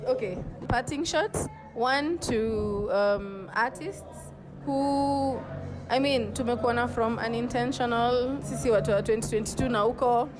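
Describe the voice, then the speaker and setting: Higher-voiced Kenyan woman hosting, music behind. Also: unhurried. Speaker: interviewer and host. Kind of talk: casual interview chat.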